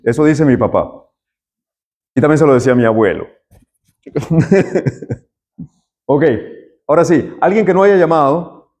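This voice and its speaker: A man's voice: on the high side, animated, unhurried, long pauses, darkish tone. A middle-aged man, a university lecturer taking roll and chatting with students in a classroom. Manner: friendly, chatty, jokes with students.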